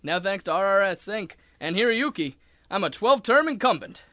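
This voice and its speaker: Brief: actor as a cocky mugger with a lively, high voice, gruff tough-guy talk, dry mic. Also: brisk, no echo. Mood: boastful. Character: tough-guy mugger and bumbling male customers.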